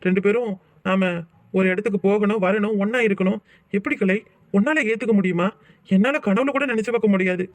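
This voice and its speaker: Man as a patient, heartfelt young man in a cartoon, high voice and quick pace; dry recording. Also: no room sound, close to an everyday voice. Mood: reasoning. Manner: calm, reasoning, heartfelt. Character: earnest young man, patient and self-sacrificing friend. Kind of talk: cartoon voice acting.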